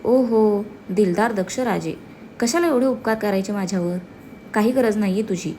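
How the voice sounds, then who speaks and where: A woman voicing a sharp, defiant young wife who snaps back scornfully. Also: mid-range voice, normal speed, slight background noise, natural voice. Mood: angry. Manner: scornful, snapping.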